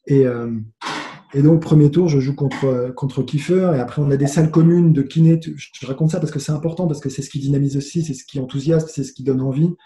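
A man's voice: on the high side, fairly quick. A man, a guest on a remote call, tells a story casually and with energy, swearing and restarting his sentences often. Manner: animated, swearing, many restarts. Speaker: guest, former tennis player. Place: home with noise nearby. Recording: roomy echo.

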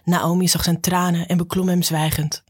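Husky woman reading an audiobook. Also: lowish voice, flat delivery, normal speed, no room sound, clean studio sound. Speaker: narrator. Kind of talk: audiobook narration.

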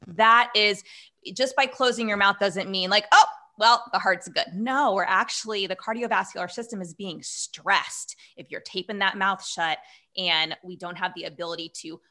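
Bright-voiced woman expert guest. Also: mid-range voice, steady tone, moderate pace. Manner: earnest, explanatory, many fillers. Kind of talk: casual conversation.

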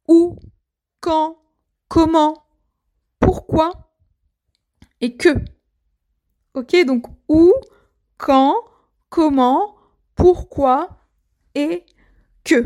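A woman's voice: high-pitched, a little mellow. A woman from France teaching a language lesson, patient and explanatory, often checking in with the learners. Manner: patient, repeats words, checks with "ok?". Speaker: French teacher.

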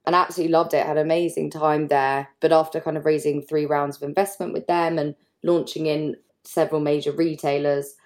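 A woman in her twenties, a startup founder introducing herself on a podcast in a measured way. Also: deep voice, little pitch movement, a little mellow. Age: 20s.

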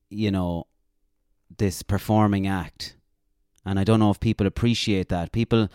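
A man hosting a podcast, speaking earnestly and reflectively in a relaxed chat. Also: lowish voice, smooth, dry recording, clean studio sound. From Ireland. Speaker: podcast host.

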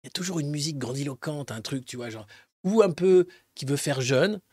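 Male press-review host with a high, dry voice; mocking, swears a lot, swings from loud jabs to mumbled asides. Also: lively intonation, a little fast, breathy edge, no room sound. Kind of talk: casual sarcastic press commentary.

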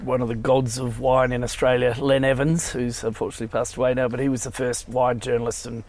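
A man with a croaky voice from a cold, chatting casually and telling rambling anecdotes as a podcast guest. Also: medium pitch, flat delivery, fast talker, darkish tone. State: has a cold. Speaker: podcast guest, family business owner. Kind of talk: casual conversational interview.

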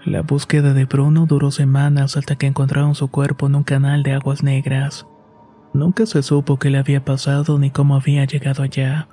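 A man narrating a scripted horror story in a steady, unhurried way. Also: mid-range voice, faint music behind.

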